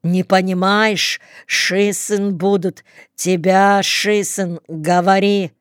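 A woman voicing a desperate young male soldier who shouts and pleads in bursts, in an audiobook. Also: mid-range voice, flat delivery, slow, clear, resonant tone, dry recording, studio quality, lightly acted. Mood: desperate shouting.

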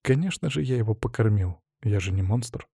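A man's voice: lowish voice, lively intonation, a little fast, vocal fry, dark tone, husky, no room sound, studio quality. A man narrating a first-person audiobook in a wry storytelling manner.

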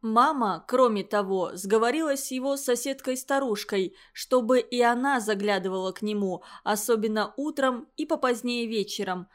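A woman's voice: fairly high pitch, moderate pace, hardly any pauses. A woman narrating a story as an audiobook reader.

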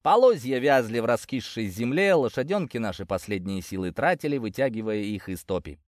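A man's voice: a little fast, no room sound, clean studio sound. A man reading an adventure story aloud as an audiobook narrator, shifting his voice for the characters. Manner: lively, shifts pitch for dialogue.

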